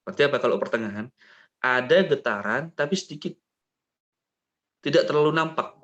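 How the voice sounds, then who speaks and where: An Indonesian man teaching Quran recitation online, slowly repeating syllables to model how a sound is pronounced. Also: medium pitch, expressive, fairly bright tone, muffled recording. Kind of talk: online tajweed lesson.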